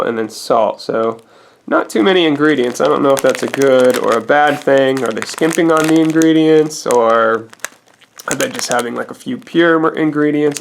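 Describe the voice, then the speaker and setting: A man's voice: medium pitch, gravelly. A man giving a casual product review as a food reviewer, in a rambling, hesitant, minutely detailed way.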